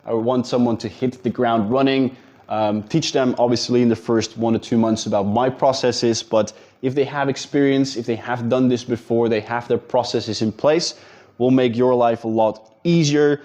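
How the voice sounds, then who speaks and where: In a mid-range, warm voice with a steady tone and moderate pace, a man with a Dutch accent coaches viewers on business in an advice video. He's informal and direct, addressing his audience as guys.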